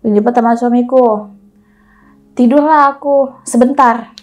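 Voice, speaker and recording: A woman talks in a lively, casual way, acting out the people in her story. Her voice sits a little high. Soft music plays underneath. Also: a little slow. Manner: animated, acts out dialogue in quotes. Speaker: guest telling a personal ghost story.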